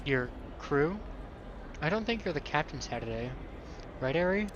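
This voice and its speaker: A man voicing a dry, teasing young woman friend, deadpan with sudden loud calls. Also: a little high, normal speed, background noise, lightly acted. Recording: dull lo-fi mic.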